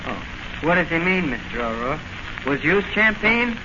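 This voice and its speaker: A soft-hearted, simple boxing champ in an old radio drama. His voice is on the high side for a man, with halting, ungrammatical talk, on a muffled recording with clear noise. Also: sing-song. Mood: tender, curious.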